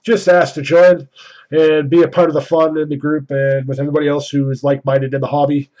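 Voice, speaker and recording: A man with a moderately high voice hosts a trading card break. He gives casual live commentary and announces items with enthusiasm, stretching out his words. The recording is somewhat muffled and lo-fi. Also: flat delivery, brisk, darkish tone. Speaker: host of hockey card box breaks. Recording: dull, lo-fi microphone.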